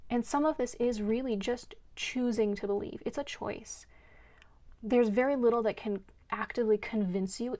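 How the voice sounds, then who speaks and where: A woman's voice: a little high, a little mellow. A woman giving an earnest, emotional spiritual card reading, rambling with many restarts. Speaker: card reader.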